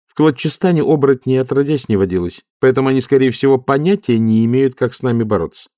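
A man's voice: medium pitch, quick pace, warm tone, no room sound, studio quality, pitched above the performer's own voice, natural voice. A man reading an audiobook, voicing a young woman werewolf guard who speaks drily and teasingly. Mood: wry.

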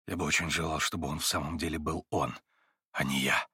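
Мужчина читает лихорадочного, измученного Ивана. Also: male voice, extremely low pitch, steady tone, brisk, bright, forceful tone, breathy edge, dry recording, studio quality, voice pushed down, exaggerated voice. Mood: brooding. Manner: agitated, rising to anguished outbursts. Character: feverish tormented young man, proud, brooding brother. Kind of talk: audiobook character reading.

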